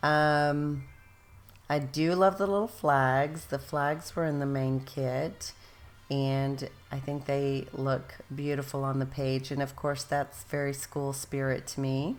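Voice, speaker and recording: Her pitch extremely low and her tone level, a woman hosting a scrapbooking session narrates at a slow pace. The talk is casual and meandering, full of self-corrections, and she strains a voice that's giving out.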